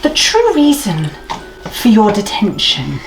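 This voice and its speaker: A woman's voice: mid-range voice, huge pitch swings, slow pace, echoey room, exaggerated voice. A woman playing a prim, sadistic middle-aged schoolteacher in a comedy parody, bossy and sugary in her condescension. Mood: condescending. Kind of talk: comedy parody role-play.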